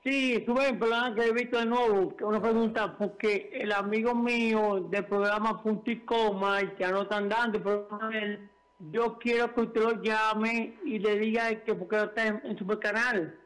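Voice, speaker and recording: A man calling in to a TV show by phone, talking in a lively, joking way. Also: high voice, normal speed, poor audio. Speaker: phone-in caller. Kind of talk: call-in chat.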